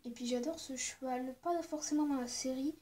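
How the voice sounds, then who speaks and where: A woman talks through her collection in a relaxed show-and-tell vlog. Her voice sits a little high, and she hesitates often, with frequent fillers and soft, half-whispered asides. A faint hiss sits under the recording. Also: moderate pace. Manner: hesitant, full of "euh" and "voilà" fillers. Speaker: vlogger showing her figurine collection.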